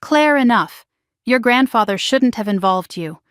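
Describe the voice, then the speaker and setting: A woman's voice: fairly high pitch, animated, unhurried, a bit bright, clear, resonant tone, no room sound, clean studio sound. A woman voicing a stern, defensive middle-aged father who speaks in curt, commanding lines in a storybook drama.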